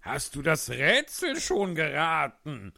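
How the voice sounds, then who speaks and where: A man voicing an excitable, grumbling hatter in a storybook reading, loud and emphatic. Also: a little high, slow, creaky, dry recording, clean studio sound, voice pushed up, heavily acted.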